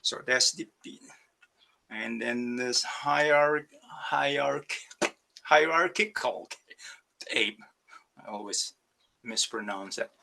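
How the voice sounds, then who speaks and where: Over a video call, a man from Indonesia, a ceramic artist, haltingly presents slides in a virtual talk about his work, full of fillers and restarts. He speaks slowly with long pauses in a gravelly, sharp, mid-range voice, and a faint hiss or hum sits in the audio.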